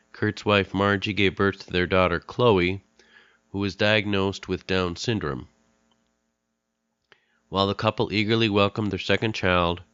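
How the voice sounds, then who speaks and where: A man's voice: deep voice, fairly bright tone, clear, resonant tone, no room sound, dull audio. A middle-aged man hosting a podcast, speaking earnestly and candidly with a nasal, stuffed-up voice from a cold. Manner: earnest, candid, pauses with fillers. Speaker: podcast host. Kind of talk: podcast monologue introducing a guest.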